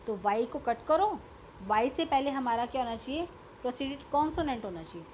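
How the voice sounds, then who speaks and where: A woman's voice: high voice, expressive, fairly quick, darkish tone, slight background noise. A woman with an Indian English accent teaching a grammar lesson, mixing Hindi and English and often checking whether her students have understood.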